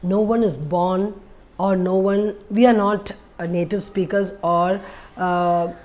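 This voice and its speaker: A woman's voice: fairly low pitch, fairly even intonation, slow, a little mellow. A middle-aged woman with an Indian English accent gives an informal lesson to camera, didactic and emphatic, repeating her key points. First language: an Indian language. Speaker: English teacher giving learning tips. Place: small room indoors.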